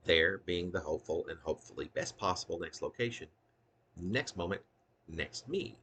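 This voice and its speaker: A man with a low, slightly bright voice performs his own poetry as a ruminative, emphatic, wordy monologue resembling an essay, occasionally slipping in unscripted asides. The recording carries a little hiss or hum.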